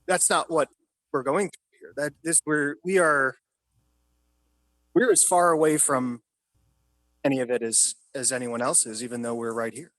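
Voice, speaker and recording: At normal speed, with long pauses and fairly even intonation, a mid-range male voice with a fairly bright tone and no room sound tells film-set stories. The speaker is a thirty-something film worker from New York City, a guest in a casual interview in his apartment. He is chatty and filler-heavy and swears occasionally.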